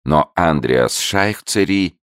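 A man narrating an audiobook in a measured, expressive reading. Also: very deep voice, dry recording, clean studio sound.

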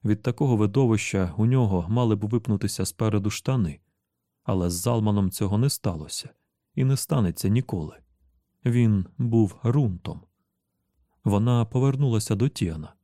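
A man narrating an audiobook in a steady, measured reading voice. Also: lowish voice, no echo, clean studio sound.

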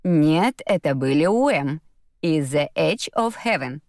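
A woman reading as a fussy, insistent mother in an audiobook who presses her point. The voice is low and dry, recorded close. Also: expressive, slow pace, darkish tone, no echo, heavily acted. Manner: insistent, fussing.

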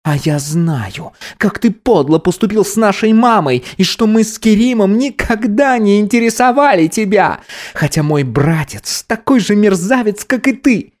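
A man's voice: high-pitched, lively intonation, normal speed, darkish tone, voice pushed up. A man voicing a furious grown daughter in an audiobook, screaming bitter accusations. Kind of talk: audiobook character voice.

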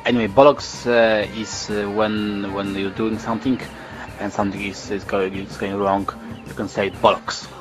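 A man's voice: fairly low pitch, flat delivery, normal speed, music in the background. Polish man quizzing his co-hosts. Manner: explaining, quizzing others. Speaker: podcast co-host. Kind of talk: casual chat.

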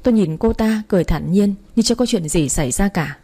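A woman narrating a first-person family drama story in a steady, calm way. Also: medium pitch, quick pace, husky.

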